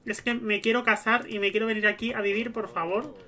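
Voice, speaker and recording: A woman's voice: on the high side, level tone, brisk, pushed and bright. A woman, giving casual gameplay commentary as a streamer and chattily narrating each move she makes. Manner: chatty, narrates her own moves aloud. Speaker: gaming streamer.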